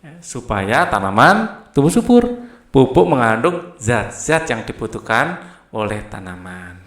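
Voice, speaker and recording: Patient dad explaining plant care, read by a man, gravelly and echoey. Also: mid-range voice, sing-song, unhurried, a bit bright. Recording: echoey room.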